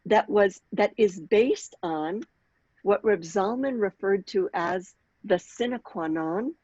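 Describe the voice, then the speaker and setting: A woman in her sixties leading a workshop on aging, speaking in a measured way and clearing her throat now and then. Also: medium pitch, a little mellow, no room sound, lo-fi sound. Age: 60s. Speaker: workshop leader and author. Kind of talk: workshop talk with read-aloud passage.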